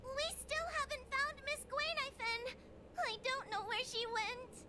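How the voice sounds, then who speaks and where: A woman's voice: extremely high pitch, measured pace, bright, forceful tone, slight background noise, heavily acted. A woman voicing a timid, anxious young girl in a video game, hesitant and childlike. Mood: worried.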